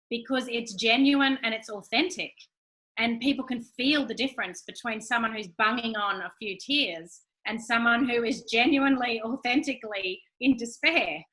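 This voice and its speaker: Casting note: forthright woman speaker, forties, bright and forceful tone, slightly high voice. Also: low-quality recording. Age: 40s. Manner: animated, frank, acts out quoted exchanges. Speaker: guest speaker. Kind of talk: candid Q&A talk.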